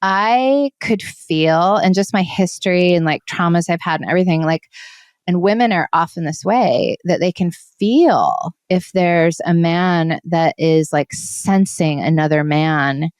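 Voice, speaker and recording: A woman from Hawaii talks casually as a podcast co-host, her voice sitting a little low and the sound dry and close. She searches for words, restarting phrases and leaning on fillers. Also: unhurried, a little mellow, smooth, no room sound. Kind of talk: casual conversation.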